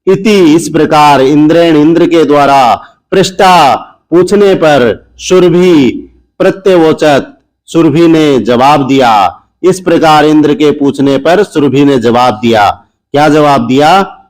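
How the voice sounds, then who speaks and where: A man's voice: a little high, darkish tone, poor audio. A man teaching a textbook passage, reading it out word by word and giving the meaning of each word before repeating the whole sentence. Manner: slow, measured, repeats each word then its gloss. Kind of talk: word-by-word textbook translation lesson.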